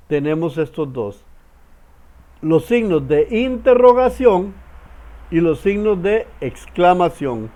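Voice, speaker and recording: A man's voice: high voice, a little mellow. A man teaching a writing workshop, explaining step by step with frequent hesitations and repeated words. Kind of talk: online class lecture.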